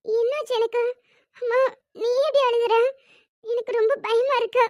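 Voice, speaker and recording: A performer voicing a cheerful, curious teenage younger sister who is bright, chatty and playfully insistent. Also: extremely high pitch, fairly even intonation, normal speed, no room sound, clean studio sound.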